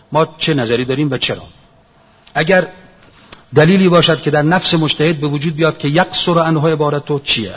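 Husky-voiced man lecturing in an echoey hall. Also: fairly high pitch. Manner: earnest, reasoning aloud, repeats key phrases. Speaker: religious lecturer. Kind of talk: religious lecture. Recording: echoey hall, dull lo-fi sound.

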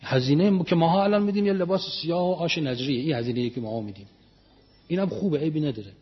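A man preaching a religious sermon, emphatic, repeating phrases and reciting prayers slowly before explaining them. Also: a little high, husky, muffled recording.

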